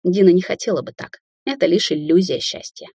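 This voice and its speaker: A woman narrating an audiobook in a calm, even reading. Her voice sits low, with a mellow, husky tone, recorded dry and close. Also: a little fast, no echo. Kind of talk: scripted narration.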